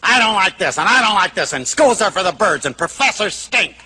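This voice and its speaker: A self-absorbed college boy grumbles about school and the world, as a man quotes him. The voice is bright and fairly high, and the delivery is whiny and griping. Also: big pitch swings, a little fast, slightly rough, full character voice. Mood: complaining. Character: self-absorbed complaining male college student.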